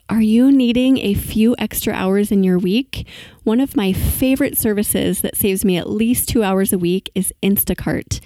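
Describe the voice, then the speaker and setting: A woman's voice: medium pitch, dark tone, dry recording. A woman hosting a podcast interview, talking in an upbeat, enthusiastic way. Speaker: podcast host.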